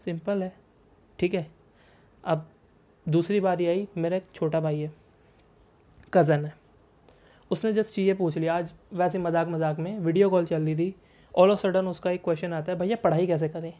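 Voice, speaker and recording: A man's voice: high voice, fairly even intonation, a little slow, long pauses, dark tone. A young man talking casually to his viewers and giving advice, mixing English words into his Hindi and asking rhetorical questions that he answers himself. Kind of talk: casual motivational talk.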